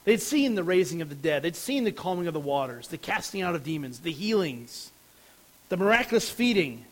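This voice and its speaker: High-voiced man preaching a sermon. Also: big pitch swings, fairly quick, low-quality recording. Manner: earnest, explanatory, emphatic at key words. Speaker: pastor.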